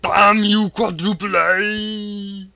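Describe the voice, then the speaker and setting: A sinister foreign henchman for a cartoon parody acted by a man, high for a man and drawn out. He speaks broken English with overwrought melodrama. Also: little pitch movement, drawn-out words, gravelly, bright, forceful tone, dry recording, exaggerated voice. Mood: outraged.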